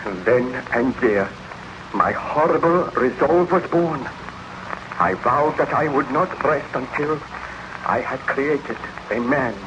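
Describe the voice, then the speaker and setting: A man's voice: mid-range voice, expressive, slow pace. An actor playing a remorseful baron and scientist confessing his crimes, declaiming solemnly in 1930s radio horror style. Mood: solemn, brooding. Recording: dull, noisy old 1930s radio recording.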